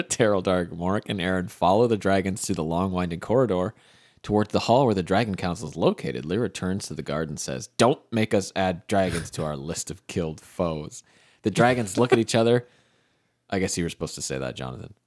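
Young male narrator, very low-pitched, reads game text aloud with a laid-back joking tone. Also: lively intonation, brisk, a little mellow. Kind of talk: reading out AI-generated game narration.

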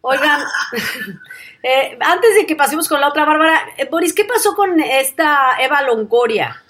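A woman's voice: high-pitched, expressive, unhurried, fairly bright tone. A woman hosting a casual showbiz gossip chat, blunt and critical, repeating words for emphasis. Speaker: gossip show host.

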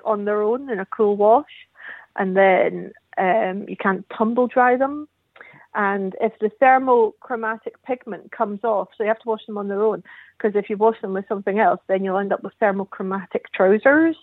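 A woman's voice: mid-range voice, moderate pace, dry recording. A woman phoning in to a radio show, heard over the phone, chatting casually and explaining things at rambling length. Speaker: caller. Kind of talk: casual call-in chat. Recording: tinny dry phone line.

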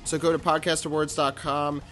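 Halting male podcast host, casual. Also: a little high, little pitch movement, a bit bright, faint music behind. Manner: halting, stumbling over himself. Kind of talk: casual, unscripted podcast chat.

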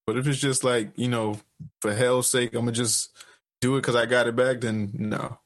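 A man's voice: mid-range voice, little pitch movement, moderate pace, no room sound. A laid-back male podcast host who swears freely and laughs a lot while riffing on news items. His voice sits mid-range, recorded dry and close. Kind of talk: casual chat.

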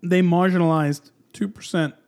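A man's voice: high-pitched, fairly even intonation, normal speed, darkish tone. A man chatting casually, rambling through a story, swearing freely and acting out what people said. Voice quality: tall and large build said. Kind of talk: casual chat.

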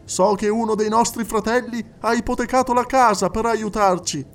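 A man's voice: sits high, steady tone, moderate pace, recorded from a distance, voice pushed up. A man voicing an earnest young male secretary who appeals to a crowd for money in a fervent, raised voice. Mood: pleading.

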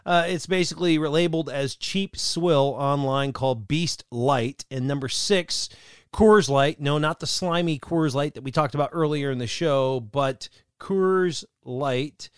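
A man co-hosting a casual chat show, telling stories in a joking way with quick asides. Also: a little high, clean tone, no echo, studio quality. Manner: jokey storytelling, quick asides and laughs. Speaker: co-host.

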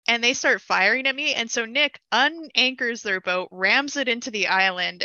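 A young woman casually telling a long gaming story, animated and laughing as she goes, with frequent fillers. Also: medium pitch, dry recording, lo-fi sound.

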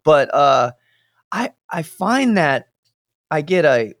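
A man's voice: on the high side, big pitch swings, takes it slowly, no echo, clean studio sound. A middle-aged man co-hosting a casual podcast chat, loose and profane, joking with his co-host. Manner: loose, profane, jokey banter.

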